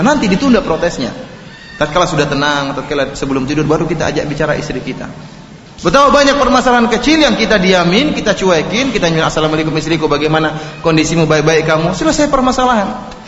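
Man, preacher, animated religious lecture, roomy hall, faint background noise. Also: high voice, dull audio. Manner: animated, jokes and laughs, acts out quotes. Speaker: Islamic preacher.

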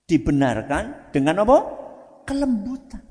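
Javanese ustaz preaching to parents, fairly high voice, swings up and down a lot, big echoey hall. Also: male voice, a little slow. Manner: animated, asks the audience rhetorical questions, slips into Javanese. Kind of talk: religious talk to parents. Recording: reverberant hall.

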